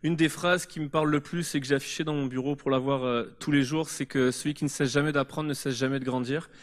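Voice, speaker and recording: A man's voice: medium pitch, fairly even intonation, fast. A man being interviewed as a guest author at a church service, explaining his ideas in an earnest, reflective way. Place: church service before a congregation.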